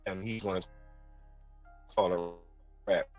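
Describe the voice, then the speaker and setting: A man's voice: sits low, fairly even intonation, takes it slowly, soft background music. A man chatting casually on a video call, his voice glitching and breaking up, repeating his points with emphasis. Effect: glitchy, breaking-up call audio. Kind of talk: casual chat. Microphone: video call connection.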